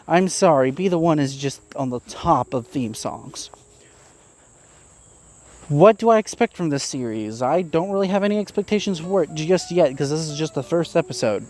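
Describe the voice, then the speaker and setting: A man talks through a casual review in a relaxed, candid way, dropping in fillers and the occasional swear. His voice sits a little higher than most men's. Soft music plays faintly behind him. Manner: candid and chatty, with frequent fillers and mild swearing. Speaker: YouTube reviewer.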